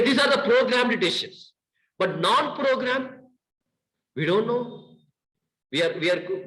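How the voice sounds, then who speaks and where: A middle-aged man with an Indian English accent teaches a class in a lively, questioning way, stringing points together in long lists. His voice sits fairly high. The room around him echoes noticeably. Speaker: lecturer. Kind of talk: classroom lecture.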